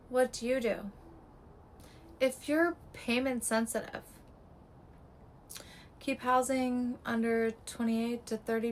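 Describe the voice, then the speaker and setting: Slow, clipped woman with a strained voice. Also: on the high side, slight background noise, poor audio. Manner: clipped, terse delivery in short fragments. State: voice giving out, strained. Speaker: real estate agent. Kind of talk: scripted market breakdown.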